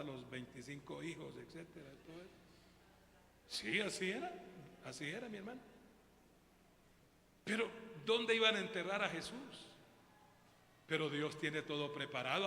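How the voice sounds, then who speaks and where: A male Colombian pastor preaches with an emphatic, bright, forceful voice that sits a little high. His words ring out through a church hall with long, echoing reverb and a faint room hum behind him. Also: creaky. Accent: Colombian Spanish. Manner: emphatic preaching, addressing the congregation as brothers. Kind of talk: sermon.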